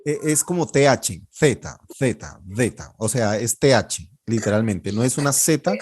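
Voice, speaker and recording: Patient man teaching Greek, mid-pitched. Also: expressive, a little mellow, husky. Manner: patient, repeats words slowly for students to echo. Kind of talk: online class, drilling pronunciation and explaining grammar.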